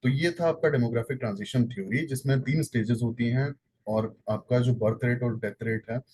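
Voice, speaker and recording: A low-quality recording captures an Indian-accented man with a husky, darkish mid-range voice talking fairly fast. In Hindi-English mix, he teaches exam prep step by step, restating points and fixing his wording with fillers.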